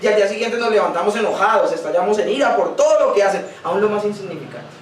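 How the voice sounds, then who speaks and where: A man's voice: sits high, animated, fast. A male pastor preaching a sermon earnestly, now and then acting out quoted dialogue. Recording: roomy distant sound, recorded without a microphone.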